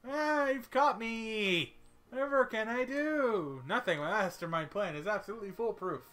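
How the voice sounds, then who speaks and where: A man voicing a sweet, cheerful teenage girl in a game, speaking softly and affectionately with a teasing edge. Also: a little high, expressive, quick pace, pitched above the performer's own voice. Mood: playful.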